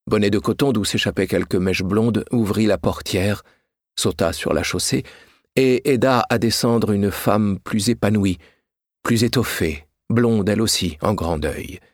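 A man narrating a novel in a measured, descriptive way. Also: low-pitched, dry recording, studio quality. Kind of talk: scripted audiobook narration.

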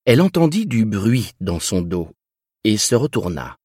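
A man reading a novel aloud as narrator, in an expressive, measured way. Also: on the low side, breathy edge, no echo, clean studio sound. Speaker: audiobook narrator. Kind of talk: scripted narration.

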